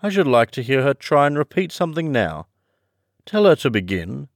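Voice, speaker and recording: Man as a mournful, high-voiced old turtle creature. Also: very animated, moderate pace, dry recording, studio quality. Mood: thoughtful. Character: melancholy, easily offended old male turtle creature. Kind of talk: children's storybook character voice.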